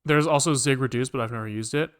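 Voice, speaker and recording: Over keyboard typing and clicking, a fast-talking man with a clean, mid-range voice gives casual live coding commentary, recorded in clean studio sound with no room sound. He streams his programming, thinking out loud, muttering, repeating phrases and swearing now and then.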